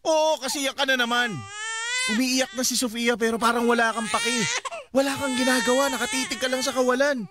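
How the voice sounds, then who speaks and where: An actor playing a young husband and father in a radio drama, pleading with his wife and soothing his baby, then shouting in panic. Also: medium pitch, lively intonation, moderate pace, long pauses, heavy background noise, natural voice. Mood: frantic. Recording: radio drama with loud music underscore.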